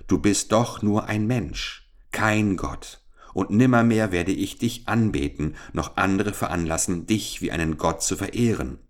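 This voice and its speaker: A man's voice: sits low, measured pace. A man reading the lines of a bold, upright young man, speaking firmly and earnestly. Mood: defiant. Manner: firm, earnest. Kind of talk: audiobook character reading.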